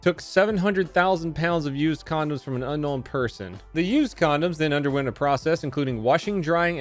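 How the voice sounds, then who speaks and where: A man in his thirties hosting a jokey, sarcastic recap of odd police news stories, reading headlines aloud and riffing on them. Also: medium pitch. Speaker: host.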